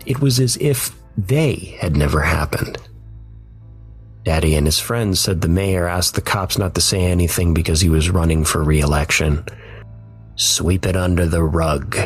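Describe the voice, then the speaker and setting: A man giving measured, somber scripted narration of a dark first-person story. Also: sits low, gravelly, slightly rough.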